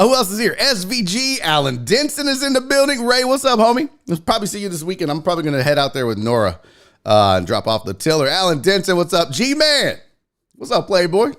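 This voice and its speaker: Man, livestream host, high voice, very lively pitch swings, casual chat, profane, slangy, joking. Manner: informal, slangy greetings like a buddy.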